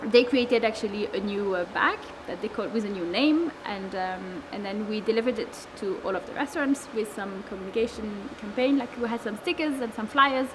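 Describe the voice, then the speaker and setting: Speaking a bit quickly with few pauses in a mid-range voice, a Lebanese-French woman in her twenties describes her food waste network. The interview is casual, peppered with fillers and restarts, and recorded amid background noise.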